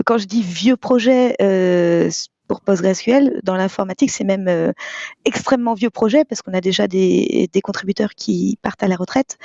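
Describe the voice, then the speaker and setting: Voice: medium pitch, vocal fry, mellow, no room sound. A guest speaker in a casual tech discussion, emphatic, playful and opinionated. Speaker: database expert guest. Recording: dry, dull lo-fi sound.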